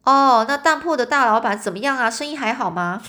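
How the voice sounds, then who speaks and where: A woman's voice: fairly high pitch, animated, a little fast, bright, forceful tone. A woman reading a storybook aloud, voicing a short red-haired man who is fussy and overly polite and keeps repeating himself. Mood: smooth, polite. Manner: ingratiating, repeats his words.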